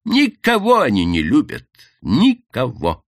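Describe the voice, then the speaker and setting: A man's voice: medium pitch, huge pitch swings, measured pace, no echo, clean studio sound. A man reading the lines of a once-meek woman turned vicious with rage, bitter and accusing.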